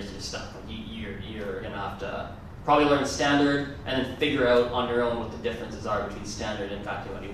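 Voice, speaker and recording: This conference speaker has a lowish, slightly bright voice with a little hiss or hum on the recording. A native Gujarati speaker, he rambles casually and self-corrects mid-sentence, captured from afar in a large, echoey conference room.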